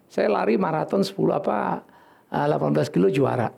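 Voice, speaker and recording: A man preaching a sermon in an animated, scolding and joking way, with sudden loud bursts. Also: on the high side, a little fast, creaky. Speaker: pastor.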